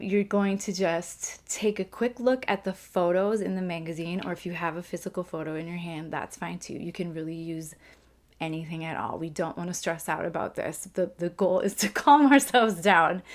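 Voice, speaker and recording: A woman leading a calm grounding exercise in a casual, conversational instructional way, gently thinking aloud. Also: fairly low pitch, normal speed. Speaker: instructor demonstrating a grounding technique.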